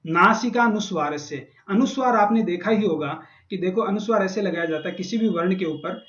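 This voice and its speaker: A man explains Sanskrit grammar to a college class in a high, slightly bright voice at a fairly quick pace. He patiently spells out sounds and repeats them, captured in a dull, echoey classroom recording.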